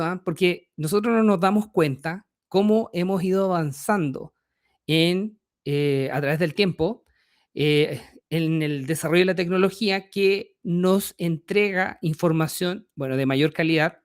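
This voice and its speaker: A middle-aged man with a Chilean accent hosting a podcast, explaining ideas step by step and asking his listeners rhetorical questions. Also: a little high. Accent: Chilean Spanish. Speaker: podcast host.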